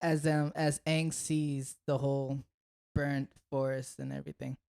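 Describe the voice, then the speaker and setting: A woman's voice: very deep voice, a little slow, creaky, smooth. A woman co-hosting a podcast, chatting casually and acting out quotes. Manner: animated, acts out quotes with rising voice. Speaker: podcast co-host. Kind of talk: casual chat.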